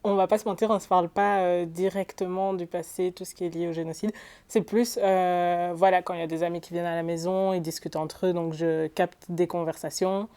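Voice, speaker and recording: Mellow, smooth-voiced young woman. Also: fairly low pitch, flat delivery, fairly quick. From Belgium. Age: 20s. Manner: candid, casual. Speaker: student. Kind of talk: testimony.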